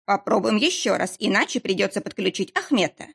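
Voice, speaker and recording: A menacing male interrogator with a mocking, threatening manner, as a woman reader puts him on. His lines rise and fall in lively, teasing turns. The voice stays slightly husky and breathy, read as part of a storybook. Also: medium pitch, a little fast, full character voice. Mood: mocking menace.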